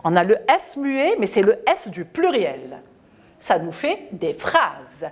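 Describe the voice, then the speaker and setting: A woman teacher walks young pupils through a French lesson at an unhurried pace. Her pitch rises and falls in a lively sing-song, and she stretches and repeats each word and sound for the children. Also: breathy edge. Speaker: primary school teacher.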